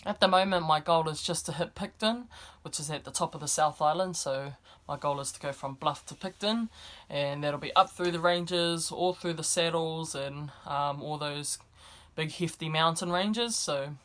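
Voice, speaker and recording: A woman's voice: low-pitched, moderate pace, hardly any pauses, fairly bright tone. Young New woman. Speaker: vlogger. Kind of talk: casual vlog talk to camera. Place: indoors, speaking to camera.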